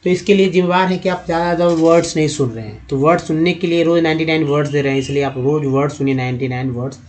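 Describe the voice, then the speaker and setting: A man's voice: fairly high pitch, fairly even intonation, very fast. A man teaching how to read English words, patiently asking and answering his own questions about each vowel sound. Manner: addresses viewers as friends. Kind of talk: spoken lesson at a board.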